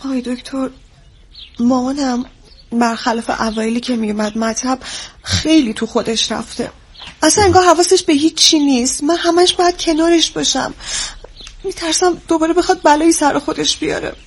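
An actress playing an anxious young woman who pleads for help about her mother. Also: sits high. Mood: worried. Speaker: worried daughter visiting a clinic.

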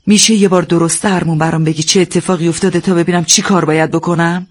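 A woman playing a calm, firm female friend. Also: lowish voice, natural voice. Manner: level, reasoning, steadying.

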